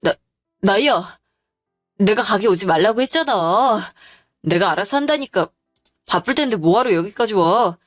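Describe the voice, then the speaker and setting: A woman's voice: medium pitch, lively intonation, moderate pace, long pauses, no room sound, studio quality, faint music behind, lightly acted. A woman voicing an evasive young husband in an audio drama, brushing off blame in a defensive tone. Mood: dismissive.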